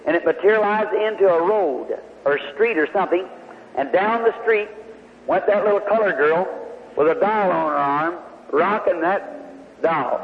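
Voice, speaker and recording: A man's voice: sits high, moderate pace. A man preaching to a congregation, telling a healing story in a folksy, homespun way. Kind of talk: sermon testimony storytelling. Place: large hall before a congregation. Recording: tinny old hall recording with faint hiss.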